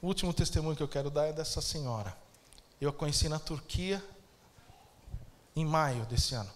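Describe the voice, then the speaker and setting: A man's voice: on the high side, lively intonation, moderate pace. A man with a Brazilian Portuguese accent preaching a sermon as pastor, emphatic and calling out to the congregation for amens.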